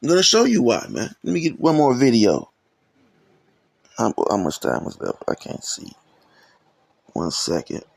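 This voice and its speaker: A man's voice: mid-range voice, wildly swooping pitch, moderate pace, vocal fry, pauses often, darkish tone, dry recording. A man hosting a religious commentary on videos, rambling and often checking in with "man" and "okay?". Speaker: channel host.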